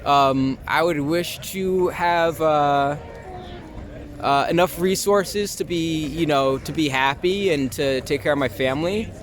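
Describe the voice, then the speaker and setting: Speaking at a measured pace in a voice on the high side, this young actor and filmmaker from Long Island, New York, chats loosely with a street interviewer, searching for his answers. The recording comes from a loud city street with traffic.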